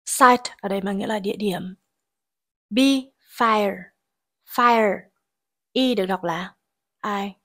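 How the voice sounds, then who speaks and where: A woman teaching English grammar and pronunciation, explaining each exam answer and reading English sentences slowly before translating them. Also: mid-range voice, pushed and bright.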